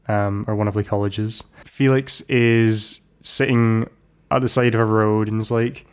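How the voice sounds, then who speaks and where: A man's voice: on the low side, fairly even intonation, measured pace, clean tone. A man hosting a podcast, recapping a film in a rambling, casual way with lots of restarts and asides. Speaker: podcast host.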